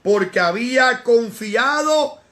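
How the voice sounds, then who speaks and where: High-voiced, animated male evangelist. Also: slow. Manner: animated, slangy asides, dramatic scripture reading. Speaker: evangelist teaching a Bible study. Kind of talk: lively Bible study sermon.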